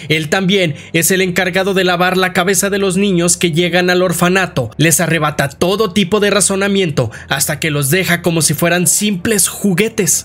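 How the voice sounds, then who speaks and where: A man, slightly hoarse, casually narrating a video game's story in a slangy, outspoken way and talking straight to his viewers. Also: sits high, a bit bright. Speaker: YouTube game lore narrator.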